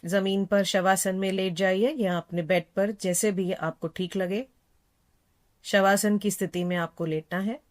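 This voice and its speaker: A woman yoga instructor with a mid-range voice leads a guided meditation, calm, unhurried and soothing, gently repeating phrases.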